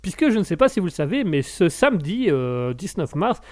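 A man's voice: high voice, big pitch swings, fairly quick. Jokey man hosting a live stream. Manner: jokey, rambling, self-interrupting. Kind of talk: casual chat reading out chat messages.

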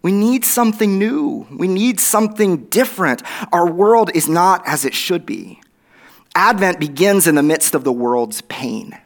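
Okie accent guy preaching a sermon, voice kinda on the higher side, chatty, keeps checking in like right? okay?. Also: lively intonation, measured pace, gravelly. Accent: Oklahoma. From Oklahoma, USA.

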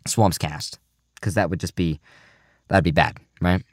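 A young man hosts a goofy, casual podcast chat in a low, unhurried voice, rambling in a mock-serious way that often trails off quietly. The studio sound is clean, with no echo.

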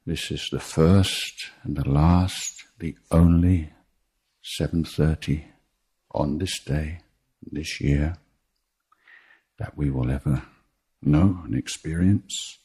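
A man with an extremely low, mellow, husky voice leads a guided meditation at a retreat. He speaks in short, measured phrases separated by deliberate pauses.

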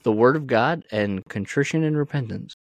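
A man's voice: medium pitch, lively intonation, moderate pace, no echo. A man chatting casually as the host of a podcast.

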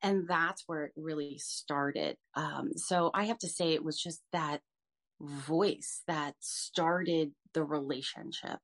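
A woman's voice: deep voice, fairly even intonation, slow pace. A woman in her fifties, a podcast guest, earnestly telling her story of faith with frequent restarts. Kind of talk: personal testimony in an interview.

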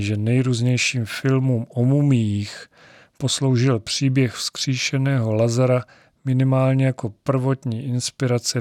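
A man's voice: mid-range voice, dry recording, studio quality. A man reading a scripture passage and reflecting on it, with conversational asides to his listeners. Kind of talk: Bible reading and spiritual reflection.

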